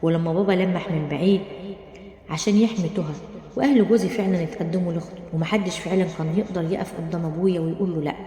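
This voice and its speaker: Egyptian woman, dramatic storyteller, low and fast, roomy echo. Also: steady tone, warm tone. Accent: Egyptian Arabic. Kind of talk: dramatic first-person storytelling. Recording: roomy, long reverb.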